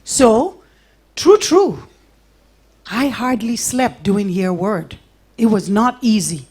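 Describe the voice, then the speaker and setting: A middle-aged woman with a Nigerian accent speaks to an audience at a live talk. Her voice sits at an ordinary middle pitch, and she tells her stories with animation, acting out little exchanges and laughing along the way. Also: animated, takes it slowly, darkish tone, slightly rough. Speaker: invited speaker.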